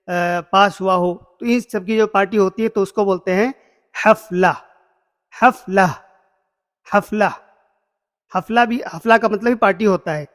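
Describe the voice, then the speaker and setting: High-voiced man teaching in a reverberant room. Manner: repeats words slowly and stresses them. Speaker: Arabic language teacher. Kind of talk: casual spoken lesson. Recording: long hall reverb.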